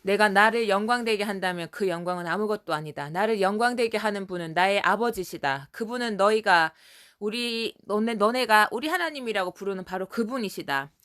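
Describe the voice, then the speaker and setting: A woman's voice: mid-range voice, a little fast, fairly bright tone, clean tone, lightly acted. A woman voicing a stern, solemn man who rebukes a crowd in a storybook retelling, firm and declaiming.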